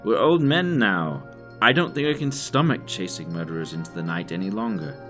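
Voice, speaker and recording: Audio drama: aging doctor, ex-soldier, male actor. Lowish, expressive, courteous, dry, weary. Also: moderate pace, music in the background. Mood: weary, reserved.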